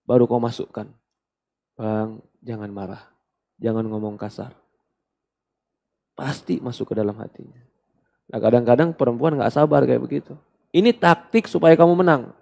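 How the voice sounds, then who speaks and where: A man delivers a question-and-answer sermon in a mellow, gravelly voice. He builds to loud, animated points and then falls quiet to quote gentle advice. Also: sits high. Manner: animated, rising to emphatic bursts then dropping to soft quoted asides. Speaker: Islamic preacher answering questions. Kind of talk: sermon, Q&A lecture.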